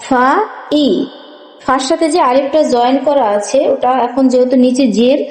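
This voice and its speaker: Woman, high voice, slow syllable-by-syllable recitation teacher, echoey room with long reverb. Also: steady tone, a little mellow. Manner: spells syllables slowly, then explains rules briskly. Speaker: Quran reading teacher. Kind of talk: slow spelled-out recitation lesson.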